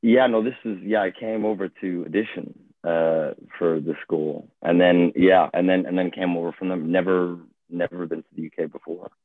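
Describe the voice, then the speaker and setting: Deep-voiced young man on a tinny line. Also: steady tone, moderate pace, few pauses, no echo. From Hong Kong. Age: 20s. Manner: hesitant, thoughtful, many fillers and restarts. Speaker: guest actor. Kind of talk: casual conversation. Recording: tinny phone-like call audio.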